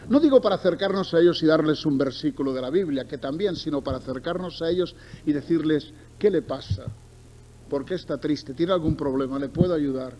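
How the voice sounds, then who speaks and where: The recording is muffled, with noticeable background noise, as a middle-aged Spanish-accented man from Barcelona delivers a sermon a little fast in a fairly high voice. He combines Bible reading with storytelling, leaning on emphatic repetition and conversational asides to his listeners.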